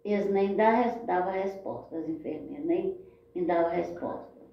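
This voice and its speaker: A Brazilian woman with a Brazilian Portuguese accent tells her personal life story in a heartfelt, rambling way, often turning to her listeners. Her voice is fairly low, at a moderate pace, with vocal fry. The sound is dull and lo-fi, with strong echo.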